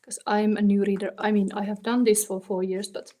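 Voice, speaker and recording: A Finnish woman casually does tarot on a live stream, chatting to viewers and thinking aloud in halting English with a Finnish accent, not her native tongue. Her mid-range voice is mellow, with a level tone. The setting is a warm indoor room, and the mic is a phone.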